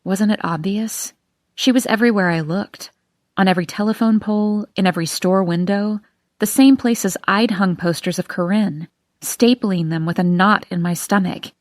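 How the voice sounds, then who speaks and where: A woman narrating a first-person audiobook in a slow, measured, subdued reading. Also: mid-range voice, no room sound, clean studio sound.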